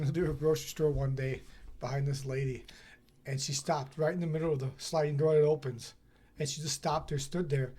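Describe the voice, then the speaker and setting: A man's voice: on the high side, a little mellow. A man co-hosting a podcast, arguing heatedly in casual talk and swearing often. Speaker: podcast co-host. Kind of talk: casual profane rant.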